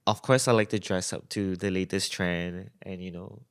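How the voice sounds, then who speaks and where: Lively Malaysian man telling stories. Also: normal speed, clean tone. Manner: animated storytelling, acts out quotes in a high voice. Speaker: guest, content creator. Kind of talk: casual podcast chat.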